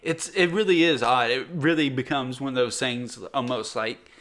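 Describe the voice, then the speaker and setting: A man's voice: medium pitch, normal speed, a bit bright. A man co-hosting a podcast, chatting casually about a movie, rambling and trailing off with frequent laughs. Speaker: podcast co-host. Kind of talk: casual movie review chat.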